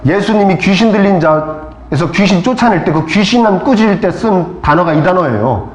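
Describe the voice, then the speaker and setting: A man's voice: high voice, lively intonation, normal speed. A male pastor preaching a sermon in a church, asking the congregation questions and calling for amens. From South Korea. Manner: preaching with rhetorical questions and calls of amen; acts out crowd voices and rebukes. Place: church sanctuary. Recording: echoey church hall.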